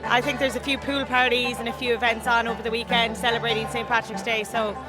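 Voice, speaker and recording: High-voiced woman with west of Ireland accent. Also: little pitch movement, fast, poor audio. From Galway, west of Ireland. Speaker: event attendee being interviewed. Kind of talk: casual street interview. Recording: music and crowd chatter behind. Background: traditional Irish music, crowd.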